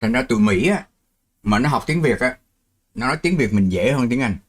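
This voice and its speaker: Middle-aged man, mid-pitched and easygoing, hosting a live stream and teaching through examples. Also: animated, fairly quick. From Vietnam. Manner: chatty, explains with worked examples, laughs easily. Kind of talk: casual live-stream chat.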